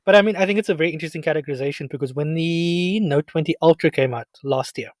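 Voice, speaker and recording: A man's voice: on the high side, no echo. A South African man hosting a casual tech podcast, chatting and bantering animatedly with his co-host. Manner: animated, jokey, quick to banter.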